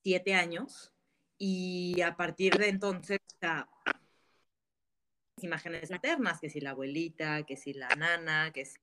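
A woman is a guest in a casual interview. She tells her stories candidly and in an animated way. She laughs often while she talks. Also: fairly low pitch, measured pace, noisy background.

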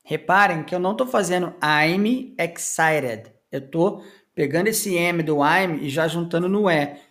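A man teaching English to Portuguese speakers, modeling short phrases slowly and repeating each one twice. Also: high voice, a bit bright. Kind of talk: language lesson with repetition drills.

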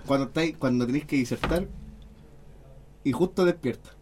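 A man's voice: mid-range voice, brisk, darkish tone, a little hiss or hum. A young man with a Chilean accent, rowdy and swearing, repeating himself in podcast banter. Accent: Chilean Spanish. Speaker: podcast co-host. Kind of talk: casual crude podcast banter.

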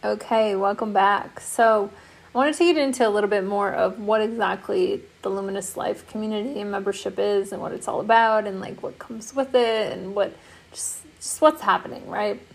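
A woman who founded an online community, talking casually and softly about it, with frequent fillers and restarts. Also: medium pitch, moderate pace, vocal fry. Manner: soft, meandering, many fillers and restarts. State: has the hiccups. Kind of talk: casual spoken promo talk.

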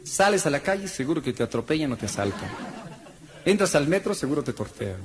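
A man's voice: a little high, fairly quick, crowd noise, background noise. A man with a Mexican accent telling jokes in a slangy stand-up comedy routine. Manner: joking, slangy, lively punchlines.

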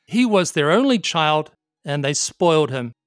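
A storyteller narrating a folk tale at a steady, measured pace, with a mid-range voice. They sometimes pause to explain the background. The recording is dry and close. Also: mid-range voice, no room sound.

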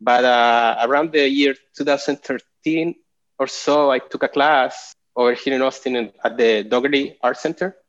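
Speaking over a video call, this guest artist from Chile, a man in his forties, gives a relaxed interview full of hesitations, fillers and false starts. His mid-range voice stays steady in tone, captured in dull, low-fidelity call sound.

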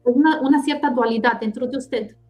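A woman giving a past-life reading as an interview guest. She speaks in halting, searching phrases, often checking in with a quick "¿sí?". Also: high voice, darkish tone, soft background music. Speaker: clairvoyant guest.

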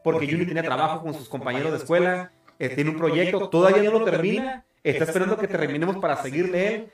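Host, male; high, excitable, reads live comments with laughter. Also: quick pace, roomy sound, soft background music. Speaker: host of a church online program. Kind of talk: casual chat, reading live comments.

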